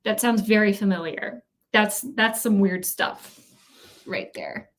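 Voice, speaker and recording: A woman's voice: mid-range voice, slow pace, fairly bright tone. A young woman hosting a casual reading livestream, chatting with viewers and trash-talking playfully. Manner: chatty, playful trash talk, frequent laughs. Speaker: streamer hosting a reading sprint.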